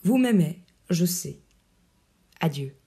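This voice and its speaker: A woman's voice: lowish voice, lively intonation, takes it slowly, dark tone, breathy edge, exaggerated voice. A woman reading the part of a witty, demanding young noblewoman who teases and scolds her suitor. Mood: teasing. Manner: teasing and disdainful.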